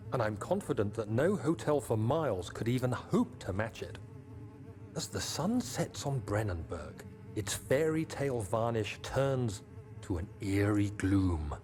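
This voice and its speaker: An actor playing a troubled, educated nineteenth-century gentleman, reading his journal in a formal, solemn way for a video game. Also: medium pitch, a little hiss or hum. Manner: formal, solemn, measured recital. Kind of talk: scripted diary narration in a video game.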